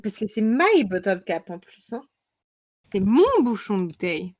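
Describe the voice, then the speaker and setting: A woman co-hosting a casual podcast chat, giggly and quick, often breaking off mid-sentence. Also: medium pitch, sing-song, darkish tone. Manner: giggly, quick, easily distracted. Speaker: podcast co-host.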